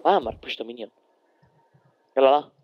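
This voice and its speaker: Excitable Cypriot Greek gamer guy. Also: medium pitch, no room sound, lo-fi sound. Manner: excitable, trash-talking, mixing in English. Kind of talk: casual gaming chat.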